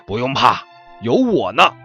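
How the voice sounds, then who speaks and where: A man voicing a calm, brave long-maned lion who speaks steadily and reassuringly. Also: medium pitch, a little slow, soft background music, full character voice. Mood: steady.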